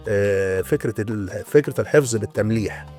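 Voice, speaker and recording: An Egyptian man in his sixties speaks quickly in a fairly low voice. He explains his old trade at length in a relaxed interview, pausing and restarting his sentences. Faint music sits underneath. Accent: Egyptian Arabic. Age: 60s. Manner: storytelling, explaining with many hesitations and restarts. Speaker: guest, retired antiquities restorer. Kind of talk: casual interview talk.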